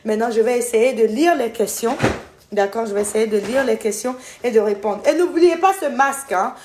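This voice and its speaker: A woman's voice: on the high side, fairly quick, a little mellow, slight background noise. A woman with an Ivorian French accent, chatting casually with viewers in a live Q&A. She speaks affectionately to her audience and often loses track and corrects herself. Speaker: skincare brand owner answering viewers.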